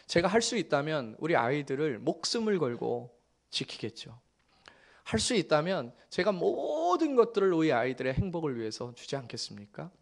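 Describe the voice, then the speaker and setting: A man's voice: a little high, normal speed, creaky. Korean man preaching a storytelling sermon. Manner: storytelling, shifting from hushed tenderness to excited laughter. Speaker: pastor.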